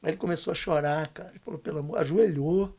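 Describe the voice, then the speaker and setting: Older man with a gravelly voice. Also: on the high side, fast. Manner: emphatic, slangy, dips to a hushed voice for quoted lines. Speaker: guest. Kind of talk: storytelling testimony.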